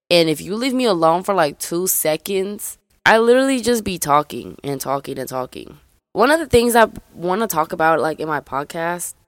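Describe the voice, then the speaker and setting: Deep-voiced and recorded dry at studio quality, a young adult woman from Memphis, Tennessee, USA opens her solo podcast. Her faded Southern accent comes through as she rambles along casually, addressing the audience as y'all.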